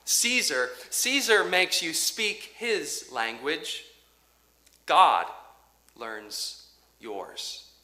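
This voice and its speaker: Male pastor, bright and clear, slow deliberate sermon delivery, reverberant sanctuary. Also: on the high side, animated. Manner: measured, rhythmic preaching with dramatic pauses and quiet drops. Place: church sanctuary. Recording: echoey church sanctuary.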